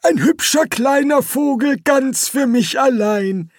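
A man's voice: extremely high pitch, slow pace, no echo, clean studio sound, pitched above the performer's own voice, heavily acted. A man reading an audiobook, voicing a proud, naive old male explorer. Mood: pleased. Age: older. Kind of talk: audiobook character voice.

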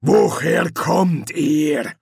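A man voicing a gruff, suspicious foreign guard captain in an audiobook, slow and commanding. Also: fairly high pitch, animated, darkish tone, no echo, clean studio sound, pitched above the performer's own voice, full character voice. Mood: menacing. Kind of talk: audiobook character voice.

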